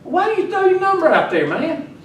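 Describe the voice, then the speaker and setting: With an extremely high pitch, huge swings in pitch and a fairly quick pace, a man teaches a class, teasing his students and talking to them while he works. It's a classroom lecture picked up far from the mic, in an echoey room heard from a distance with faint noise.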